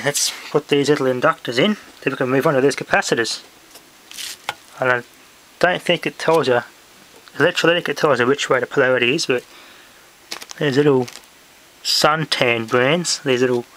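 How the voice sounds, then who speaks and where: Recorded on a handheld camera or phone in a home room, a man casually shows off a hands-on hobby, voicing his thoughts as he goes. His medium-pitched, slightly bright voice keeps a normal speed but pauses often. Clicks and noise run through the handheld footage.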